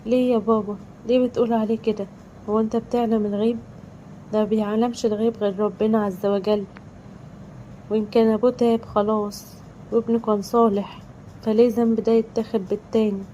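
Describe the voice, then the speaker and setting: Devout young Egyptian wife, played by a woman: emotional and pleading, fast pace. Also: on the high side, little pitch movement, mellow, highs cut off, a little hiss or hum, close to an everyday voice. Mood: hurt.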